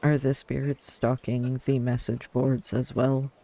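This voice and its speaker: Slow, creaky-voiced man musing over a game. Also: mid-range voice, flat delivery, mellow. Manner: musing, hesitant, thinking aloud. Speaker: player narrating a video game. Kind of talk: casual game playthrough commentary, reading in-game text aloud.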